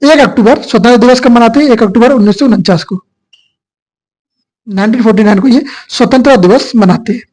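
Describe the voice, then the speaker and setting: A man's voice: extremely high pitch, fast, a little mellow, rough recording. A male teacher giving an exam coaching lecture, asking questions and answering them himself. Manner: repetitive call-and-response questioning.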